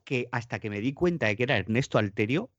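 A man's voice: medium pitch, animated, fast, noisy background. Sarcastic joking man. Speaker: podcast co-host. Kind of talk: casual chat. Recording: dull, slightly lo-fi mic.

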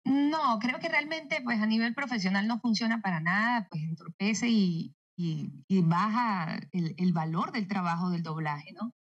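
A woman voice actress explaining her craft in an interview, measured and illustrating with spoken examples. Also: medium pitch, breathy edge, muffled recording. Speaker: voice actress guest. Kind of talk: interview answers.

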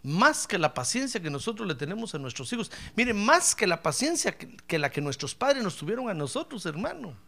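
A man's voice: high-pitched, sing-song, fairly quick, creaky, few pauses, sharp tone. A pastor preaching a humorous sermon, acting out little dialogues and calling his listener brother.

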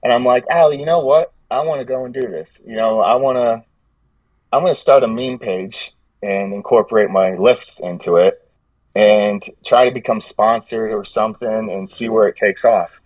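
Low-voiced man rambling through a story. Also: fairly even intonation, normal speed, no echo, recorded from a distance. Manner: rambling, self-correcting storyteller with frequent restarts. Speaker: podcast guest, gym meme page creator. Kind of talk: casual podcast chat.

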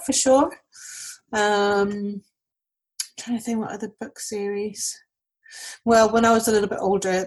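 A woman, a Spanish speaker, answering a list of questions casually with frequent thoughtful pauses and ums. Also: medium pitch, rough recording. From Mexico. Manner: thoughtful, pausing often with ums. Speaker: podcast guest.

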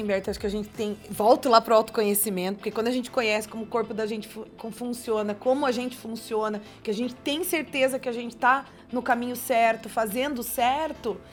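Easygoing woman in a chat. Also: on the high side. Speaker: co-host. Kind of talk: casual chat.

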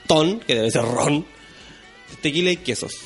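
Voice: medium pitch, a little slow, faint music behind. A Chilean co-host chatting casually, dropping dry explanations. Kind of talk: casual chat.

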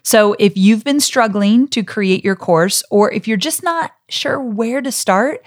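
Unhurried and expressive, a middle-aged woman's higher-pitched voice carries a solo podcast lesson. She speaks directly to listeners in a warm, encouraging, friendly manner.

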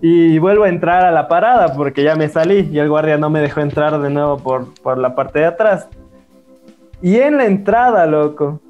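A young man tells a story in casual chat, in a high voice. He is slangy and cusses freely, laughing through the telling. Soft guitar music plays faintly underneath. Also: normal speed, dull audio. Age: young adult.

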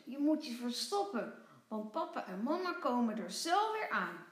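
A woman's voice: fairly high pitch, sing-song, normal speed. A woman reading a children's story aloud, voicing a shy, anxious little boy who speaks earnestly. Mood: worried. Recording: echoey room.

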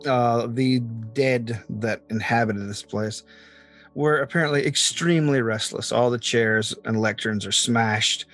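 Here is a man in the game master's seat, walking players through a ruined laboratory with a medium-pitched voice and plenty of ums along the way. Soft music hums faintly behind him. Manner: descriptive, unhurried, with fillers. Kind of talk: narrating a tabletop game.

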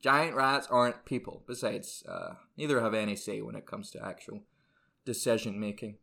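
A man's voice: on the low side, normal speed, vocal fry, pushed and bright, voice pushed down, full character voice. A man playing a brash, irritable, eccentric ad agency boss in a comedy script, volatile and blustering. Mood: deadpan boasting. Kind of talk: comedy script read aloud.

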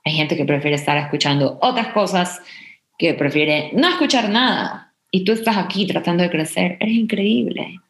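A woman's voice: on the low side, moderate pace. A young adult woman hosting a motivational podcast, talking earnestly and encouragingly straight to her listeners. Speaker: podcast host. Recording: echoey room.

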